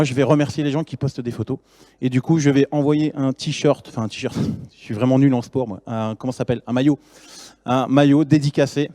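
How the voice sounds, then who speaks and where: A man's voice: medium pitch, warm tone, no echo. A man in his thirties, a startup founder giving a casual, slangy conference talk full of fillers and enthusiasm.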